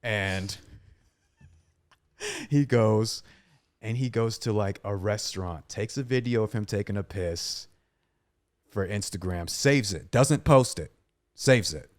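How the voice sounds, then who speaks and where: A young man on a casual podcast, retelling a story in a crude, animated way with lots of swearing. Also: fairly low pitch, slow, pauses often. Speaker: podcast co-host.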